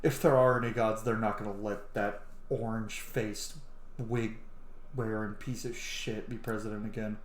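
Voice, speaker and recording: A streamer playing a role-playing game offers casual commentary, rambling and thinking out loud. His mid-range voice is delivered flatly at a normal pace. The recording has a roomy echo and some faint background noise.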